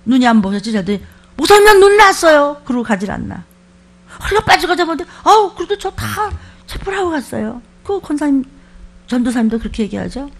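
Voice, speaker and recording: Gravelly-voiced woman pastor preaching animatedly. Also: a little high. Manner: swings between loud exclamations and hushed asides. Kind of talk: sermon.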